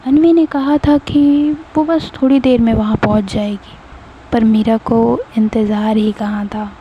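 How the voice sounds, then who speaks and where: Slow, calm female storyteller. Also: on the high side, lo-fi sound, slight background noise. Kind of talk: narrated audio story.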